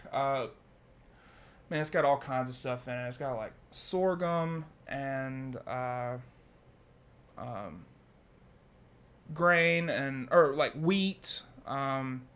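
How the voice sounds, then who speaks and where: A young man, a farmer chatting casually as a guest, relaxed and full of fillers. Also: medium pitch, very slow, long pauses. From Louisiana, US. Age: young adult. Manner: laid-back, says "man" often, many fillers. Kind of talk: casual conversation.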